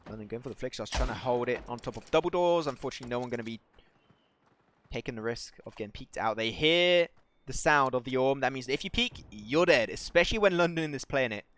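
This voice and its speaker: A man casting a live mobile shooter match, excitable and rising to near shouts on big plays while chatting to viewers. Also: mid-range voice, fast talker. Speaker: esports caster. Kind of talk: live game commentary.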